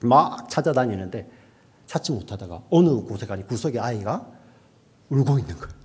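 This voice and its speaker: A male pastor delivering a sermon, often checking in with the congregation and moving between a raised voice and a hushed near-whisper. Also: mid-range voice, lively intonation, fairly quick, husky. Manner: preaching with frequent "yes" and "right?" asides to the congregation.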